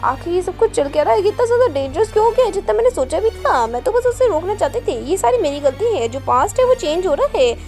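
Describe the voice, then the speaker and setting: A woman's voice: extremely high pitch, sing-song, fast, few pauses, darkish tone, soft background music, voice pushed up. A woman reading the thoughts of a frightened young woman caught in a dangerous situation, in a pleading inner monologue. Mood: anxious. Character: frightened young woman, time traveler, anxious.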